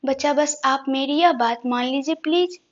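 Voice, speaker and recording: A woman's voice: sits high, normal speed, close to an everyday voice. Woman voicing a teasing, loving young father. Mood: coaxing. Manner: coaxing, mock-sulking, affectionate. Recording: dull lo-fi recording.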